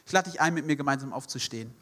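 A man's voice: mid-range voice, animated, racing, fairly bright tone, long reverb tail. A man preaching a sermon in German, emphatic and addressing the congregation directly, repeating his key phrases. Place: church service.

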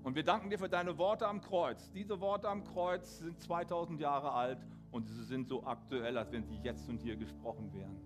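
A man preaching a sermon in German, retelling a story with animated, acted-out quotes before leading into prayer. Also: on the high side, normal speed, few pauses, music in the background. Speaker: pastor.

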